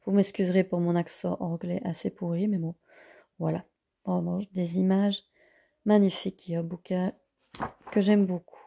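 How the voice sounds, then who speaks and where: A woman's voice: lowish voice, little pitch movement, moderate pace, vocal fry, pauses often, warm tone. A woman vlogger casually reviewing books, hesitant with many fillers.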